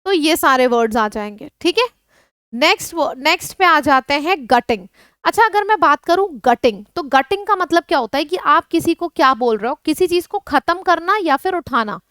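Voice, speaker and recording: A woman's voice: high voice, expressive, moderate pace, fairly bright tone, no echo, clean studio sound. A woman with an Indian accent teaching an exam-prep vocabulary lesson. She runs through word lists and puts questions to the viewers. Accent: Indian English.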